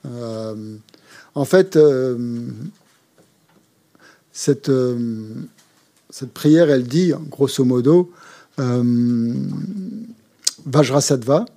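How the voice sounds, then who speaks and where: Male Buddhist teacher, mellow voice, halting course delivery. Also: medium pitch. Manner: hesitant, frequent fillers and repeated words. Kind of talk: explaining a mantra in a course.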